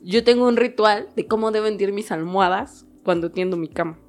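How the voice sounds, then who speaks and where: A woman's voice: medium pitch, a little fast, soft background music. A young woman with a Mexican Spanish accent, telling a story animatedly with laughs in a casual chat. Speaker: podcast co-host.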